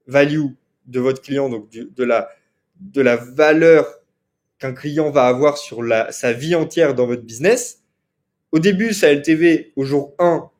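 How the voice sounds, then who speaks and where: A man giving an online marketing course lecture in French. He explains step by step, often stops to check with "ok?", and corrects himself as he goes. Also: mid-range voice. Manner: explanatory, repeats key terms, frequent "ok?" checks; fillers and self-corrections. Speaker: marketing trainer.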